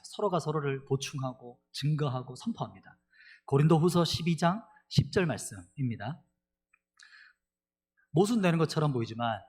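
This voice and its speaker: A middle-aged man delivers an animated sermon as pastor, calling the congregation to read scripture together. His voice sits a little high and has a husky edge. His pitch swings widely as he preaches.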